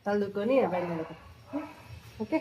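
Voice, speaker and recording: A woman narrating a family vlog, gently coaxing her small son and repeating her questions to him. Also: mid-range voice, normal speed, slight background noise, poor audio. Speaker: mother filming a family vlog.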